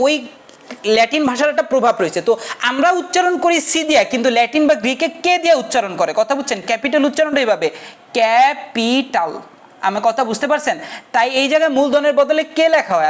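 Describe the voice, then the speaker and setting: Male teacher with a high, quick voice. Jokes and keeps checking that the class follows. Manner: joking, keeps checking the class understands, asks rhetorical questions. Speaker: economics teacher. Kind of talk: casual joking lecture.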